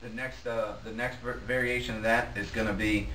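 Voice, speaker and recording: A man giving a casual, plain-spoken instructional demonstration as a goose calling instructor, with halting delivery. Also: medium pitch, little pitch movement. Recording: roomy, distant mic, faint noise.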